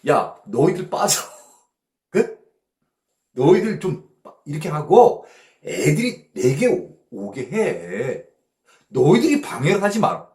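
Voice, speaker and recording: A man's voice: a little high, wildly swooping pitch, takes it slowly, pauses often, a little mellow, reverberant, exaggerated voice. A male pastor putting on the voice of an adult male teacher who bluntly and casually tells his followers to step aside. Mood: rebuking.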